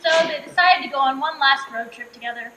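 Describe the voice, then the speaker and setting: A woman's voice: high voice, fast, sharp tone. A woman playing an earnest, syrupy TV-movie narrator, giving mock-sentimental narration in a dramatic way. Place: theatre stage. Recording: roomy stage, faint noise.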